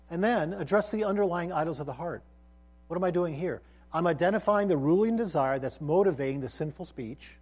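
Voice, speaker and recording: A man gives a sermon to a college group in a somewhat high, husky voice. He is earnest and emphatic, often stumbling over a word and starting again. He keeps checking in with his listeners as he teaches. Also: a little mellow. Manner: frequent restarts and repeated words. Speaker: college ministry pastor.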